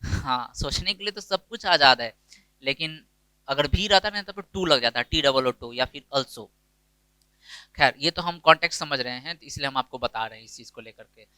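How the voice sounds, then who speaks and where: A man's voice: mid-range voice, animated, moderate pace, pushed and bright, clean tone, no echo, low-quality recording. A man teaching an English grammar lesson in Hindi with an Indian English accent, explaining step by step and asking and answering his own questions. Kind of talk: online classroom lecture.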